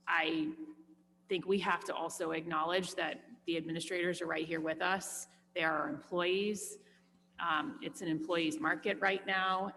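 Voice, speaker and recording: A woman with a lowish voice speaks formally at a committee meeting. She lays out her points in a measured way. Her voice carries a long room reverb over a faint hum. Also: sharp tone. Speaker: school committee member. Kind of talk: meeting discussion.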